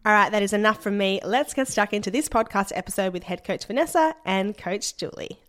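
A podcast host chats in a casual, upbeat way, laughing often, though her voice is congested from a chest infection. She has a medium-pitched voice and talks briskly.

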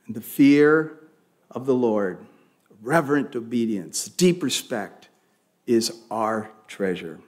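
A man's voice: medium pitch, lively intonation, takes it slowly. A male pastor preaching a sermon, reading scripture aloud with rising force and leading the congregation in response. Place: church sanctuary.

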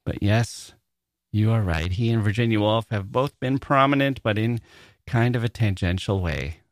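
A man hosts a literary podcast on his own, reading listener mail in a conversational, reflective way with informal asides. His voice is on the low side at a normal speed. The recording is dry and studio quality.

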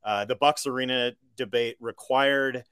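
A man's voice: mid-range voice, fairly even intonation, unhurried, a bit bright, clear, resonant tone, dry recording. Dry-sounding American man explaining politics. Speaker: independent journalist, interview guest. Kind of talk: conversational political analysis.

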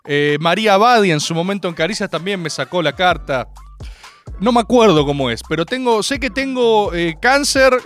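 Over faint background music, a young radio host with a Rioplatense Spanish accent rants through a comedic, joking monologue full of swearing. He sounds animated, with a high voice and a moderate pace.

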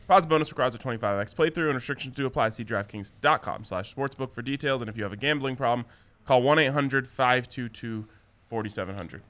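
A man hosting a sports betting show, rattling off a legal disclaimer quickly and flatly. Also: medium pitch. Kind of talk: casual sports betting chat with sponsor read.

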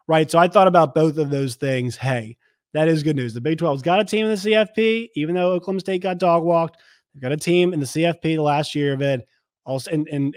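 A man with a mid-range, slightly hoarse voice hosts a sports show, delivering emphatic commentary to viewers and repeating his points. The recording is studio quality with no echo.

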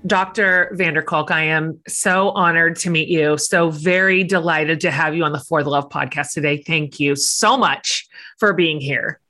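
A woman's voice: low-pitched, steady tone, normal speed, bright, forceful tone, soft background music. A middle-aged woman hosting a podcast interview, talking earnestly and with effusive praise. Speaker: podcast host.

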